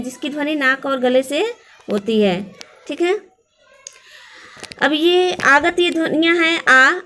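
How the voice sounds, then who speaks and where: High-voiced woman teaching a grammar lesson. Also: bright, forceful tone. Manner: spells out sounds letter by letter, checks in often.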